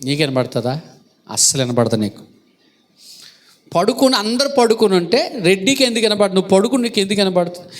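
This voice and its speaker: Man preaching, pastor, high voice, animated swings in pitch, questions to the congregation. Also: quick pace, pauses often. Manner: questions the congregation, acts out calls in a loud voice. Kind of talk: sermon. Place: church hall.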